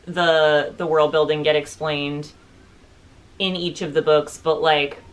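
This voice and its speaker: A woman's voice: sits low, flat delivery, slow pace. A woman co-hosting a book discussion, talking in a rambling, informal way full of filler words. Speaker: co-host of a book review show. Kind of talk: casual book discussion chat.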